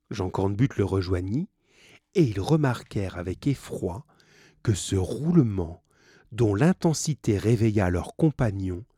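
A man reads a novel aloud, slowly and with a lively, wide-ranging pitch. His voice is low and husky, and he pauses to restate difficult words simply. The sound is close and dry. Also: no echo. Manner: pauses to restate hard words in plain terms. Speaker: reader of a novel.

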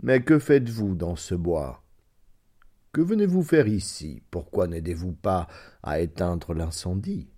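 A man voicing a cold, scornful stranger who speaks slowly and mockingly in a storybook reading. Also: low voice, lively intonation, warm tone, pitched below the performer's own voice.

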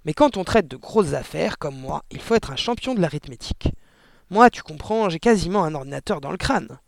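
A man's voice: a little high, animated, a little fast, creaky, a little hiss or hum. A man voicing a boastful, bullying middle-aged father in an audiobook story. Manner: bragging, then shouting in anger.

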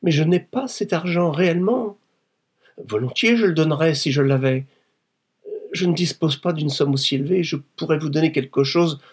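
A man reading a novel aloud and voicing a frightened, desperate wealthy young wife who pleads in high, strained cries. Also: moderate pace, darkish tone, slightly rough, close to an everyday voice. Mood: panicked. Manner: pleading, breathless, rising to cries. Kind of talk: audiobook reading.

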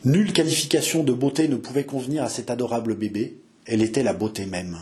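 A man narrating a classic novel as an audiobook, measured and expressive, lingering on phrases. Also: mid-range voice.

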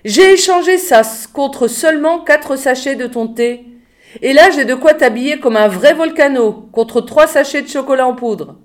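A woman reading a storybook voices a practical teenage girl who talks briskly and sharply. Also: high-pitched, pitched above the performer's own voice, natural voice. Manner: brisk, acerbic.

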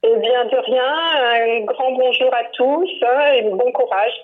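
A woman's voice: on the high side, takes it slowly. Woman on a tinny phone line. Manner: hesitant, many fillers and restarts. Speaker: phone-in guest, teacher. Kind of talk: casual phone chat. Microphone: telephone.

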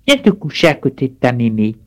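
A man's voice: mid-range voice, huge pitch swings, brisk. A man voicing a hungry, sly wolf who fakes a grandmother's voice and later begs for mercy. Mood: coaxing. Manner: sly, coaxing.

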